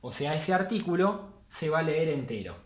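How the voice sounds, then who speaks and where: A man's voice: on the high side, very animated, normal speed, a little hiss or hum. A man teaching a language class, patiently repeating key points for emphasis. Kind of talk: classroom lesson. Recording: echoey room.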